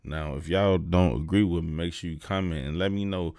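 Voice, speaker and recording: Deep-voiced man hosting a commentary show. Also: fairly quick, a little mellow, clean tone, dry recording, studio quality. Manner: laid-back, conversational, addresses viewers directly. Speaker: host. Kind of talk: casual commentary on a clip.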